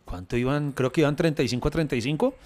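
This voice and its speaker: A man with a Colombian accent, co-hosting a podcast, telling stories in animated, slangy casual chat. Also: a little high, fast. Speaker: podcast co-host.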